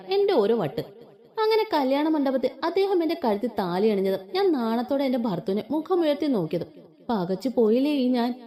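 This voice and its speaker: A woman's voice: fairly high pitch, dark tone. Playful young woman narrating a story. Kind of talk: first-person story narration.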